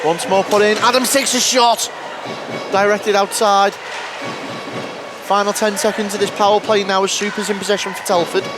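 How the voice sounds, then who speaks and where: A man's voice: high-pitched, little pitch movement, moderate pace, pauses often. A man giving live ice hockey play-by-play commentary, narrating the action in short clipped phrases. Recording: noisy arena with loud crowd behind. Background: loud crowd and rink noise.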